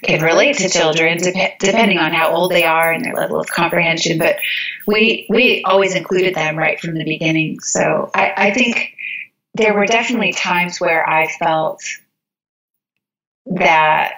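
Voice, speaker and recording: A woman guest speaking in a thoughtful, measured way, often pausing on "you know". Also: lowish voice, a bit bright, low-quality recording. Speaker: interview guest. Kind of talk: reflective interview talk.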